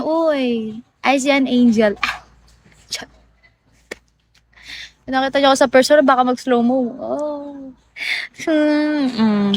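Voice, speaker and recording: A woman from the Philippines chats casually with viewers on a phone livestream, her voice sitting high. She teases, laughs often and slips easily between languages. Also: slight background noise. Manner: playful and teasing, laughs often, mixes in English. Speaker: livestream host.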